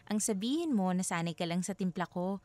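A woman acts out a young woman in her twenties teasing her boyfriend in a radio drama. Her voice is mid-pitched and recorded close and dry, and her tone is light and bantering. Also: measured pace, darkish tone, no echo, lightly acted. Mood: playful. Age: 20s.

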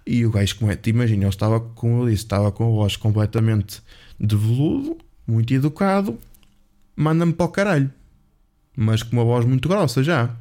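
A man with a European Portuguese accent tells a story in a casual, chatty way as a vlogger, swearing freely. His voice sits at an ordinary middle pitch for a man. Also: fast, warm tone.

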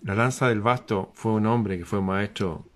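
A man giving a lively spiritual talk to an audience, asking rhetorical questions and dropping suddenly to a hush. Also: on the low side, moderate pace. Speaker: motivational speaker.

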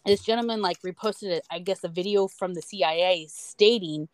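A woman's voice: lowish voice, moderate pace, dry recording. Rambling, swearing American woman, dry sound. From United States. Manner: rambling, swears freely, emphatic. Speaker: podcast co-host. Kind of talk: casual chat.

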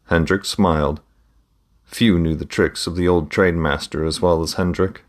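A man narrating a fantasy story aloud in a steady, measured reading. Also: sits low. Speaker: audiobook narrator.

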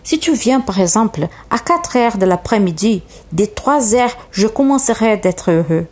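A woman with Portuguese as her first language voicing a lonely, wise fox in a slow, gentle read-aloud of a storybook. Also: medium pitch, animated, lightly acted. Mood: earnest.

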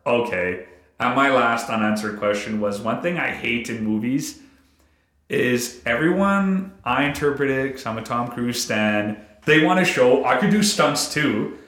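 A man in his thirties, a podcast co-host, chatting casually about a movie in a profane, animated way and acting out quotes. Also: medium pitch, unhurried. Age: 30s. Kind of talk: casual movie-review chat. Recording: roomy echo.

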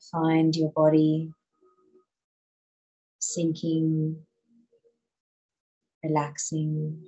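A woman guiding a listener through muscle relaxation in a slow, soothing voice. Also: deep voice, warm tone, husky, low-quality recording. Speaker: relaxation guide. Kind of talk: guided relaxation.

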